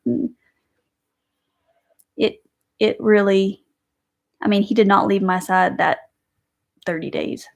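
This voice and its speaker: A woman's voice: mid-range voice, creaky. A woman and mother chatting casually on a home livestream, rambling and reading viewer comments aloud. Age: adult with kids. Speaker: livestream host. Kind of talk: casual live chat.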